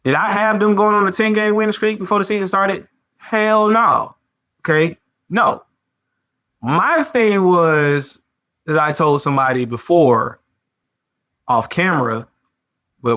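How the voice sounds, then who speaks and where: A man hosts a sports talk show in a loose, conversational way, hammering his points home by repeating them. His voice sits a little high for a man, and he lets it rise and fall freely as he riffs. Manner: animated, repetitive, conversational slang. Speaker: podcast host.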